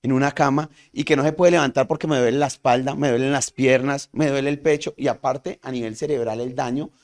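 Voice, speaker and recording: A man's voice: medium pitch, fairly even intonation, a little fast, darkish tone. A man teaching a community first aid class. He asks the audience questions and answers them himself. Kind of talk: community training talk.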